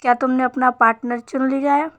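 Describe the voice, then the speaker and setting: A woman voicing a possessive, quiet young husband who apologizes in short, clipped lines. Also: high voice, level tone, brisk, no echo. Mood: reserved.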